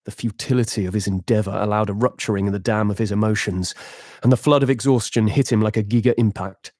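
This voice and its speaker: A man narrating a game epilogue as game master, with measured, dramatic storytelling. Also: fairly low pitch, a little mellow, no echo, studio quality.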